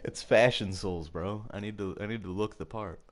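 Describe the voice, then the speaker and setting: A man's voice: lowish voice, moderate pace. A young man chatting casually and crudely while playing a video game, with game sound behind. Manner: crude, slangy banter. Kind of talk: casual joking gameplay chat.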